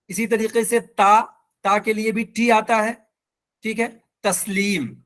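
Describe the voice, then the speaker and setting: High-voiced teacher with a Pakistani accent. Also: male voice, a bit bright. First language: Urdu. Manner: patient, repeats each example slowly. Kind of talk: online language lesson.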